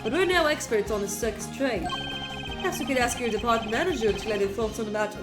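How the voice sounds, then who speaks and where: A woman voicing a formal, composed male prosecutor in a mystery game, speaking in a measured, dry way, with music under her. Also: on the high side, lightly acted.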